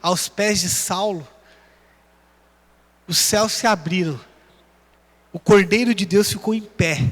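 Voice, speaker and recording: Slowly and with long pauses, a high-pitched pastor with a Brazilian Portuguese accent delivers a sermon in a bright-edged voice. His emphatic call-and-response style climbs with each contrast he sets up, and he reads scripture references between points, his voice ringing through a large church hall's long reverb.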